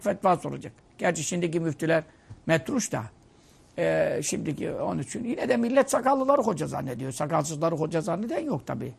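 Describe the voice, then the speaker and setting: Male preacher, high husky voice with gravel, joking and scolding in a casual sermon. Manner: humorous, scolding, storytelling. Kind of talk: conversational sermon.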